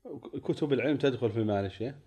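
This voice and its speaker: A man taking part in a lesson as a student. He gives short, quick replies and asks brief questions. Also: mid-range voice, mellow, slightly rough. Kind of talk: answering and asking in a lesson.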